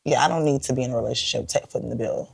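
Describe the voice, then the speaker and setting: A young woman co-hosting a casual chat show, hoarse and raspy, talking bluntly with lots of swearing and lively storytelling. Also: very deep voice, rapid-fire. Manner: blunt, profane, animated storytelling. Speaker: podcast co-host.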